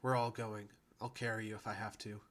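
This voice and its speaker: A protective father figure and soldier, speaking softly and reassuringly, in a man's fairly low, plain voice. He sounds steady and grateful, not acted up. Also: a little fast, lightly acted. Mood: gentle. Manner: gentle, reassuring.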